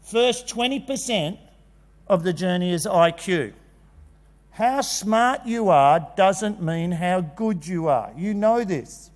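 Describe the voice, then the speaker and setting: A man gives a jokey, animated talk at a conference, acting out kids' voices. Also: high-pitched. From Australia. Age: 50s. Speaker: conference speaker. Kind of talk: energetic presentation. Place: large conference hall. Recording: long hall reverb.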